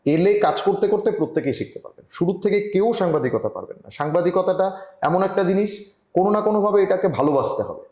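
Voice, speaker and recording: A man from Tripura, India, giving earnest advice as a journalist guest in an online interview, often pausing and restarting. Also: sits high, animated, a little mellow, reverberant, lo-fi sound. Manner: earnest, advising, with frequent hesitations. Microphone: video call.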